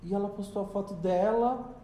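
A Brazilian man with a fairly high voice chats on a podcast in a campy, dramatic way, sounding exasperated as he tells his stories. The room gives his voice a noticeable echo. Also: moderate pace, warm tone. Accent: Brazilian Portuguese. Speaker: podcast host. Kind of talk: casual podcast chat. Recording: roomy echo.

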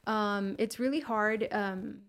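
A woman's voice: medium pitch, slow pace, clean tone. A woman from California, a guest on a podcast, talking in a chatty, easygoing way with many fillers. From California, USA. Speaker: podcast guest, human resources professional. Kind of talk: casual interview chat.

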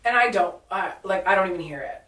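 A woman's voice: medium pitch, quick pace, a bit bright. A woman with a Californian Valley Girl accent chatting casually in a bubbly sorority-girl way, slangy, mumbling a little and saying "like" often. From San Diego, California. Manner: mumbles and drops T's. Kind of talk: casual chat. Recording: roomy echo, distant mic.

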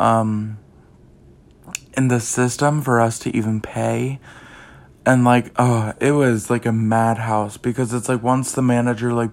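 Young male podcast host, casual rambling delivery, slow and monotone. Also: medium pitch. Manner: rambling, heavy use of "like" and "um". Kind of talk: casual chat.

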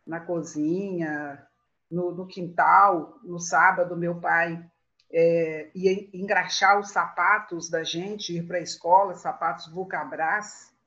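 A woman's voice: lowish voice, pushed and bright. A woman in her sixties telling family stories in an interview, laughing often as she reminisces. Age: 60s. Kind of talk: storytelling interview. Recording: muffled lo-fi sound.

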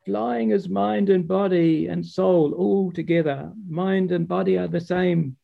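A man voicing Father Frost, an old male sage who stutters on words starting with t while gently coaching. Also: high-pitched, fairly even intonation, creaky, narrow, tinny audio, pitched above the performer's own voice, exaggerated voice. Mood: patient, coaxing. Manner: stutters on words with t, slow and soft. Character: stammering old male sage teaching flight.

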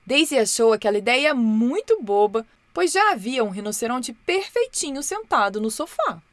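A woman narrating a children's storybook with expressive, lively delivery. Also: on the high side, normal speed, no room sound.

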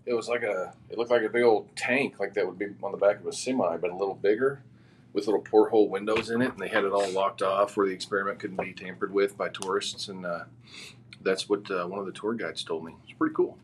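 A man as a podcast guest, giving relaxed, rambling answers with many fillers. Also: on the low side, fast talker, noisy background. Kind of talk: casual interview answers.

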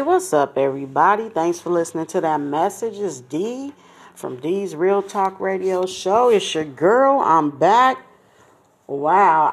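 A middle-aged woman hosting her own talk podcast with an upbeat, slangy chattiness. She speaks straight to her listeners in a fairly low voice and smiles through her words. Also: slightly rough. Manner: smiling and laughing as she talks. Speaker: podcast host. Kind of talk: casual podcast chat.

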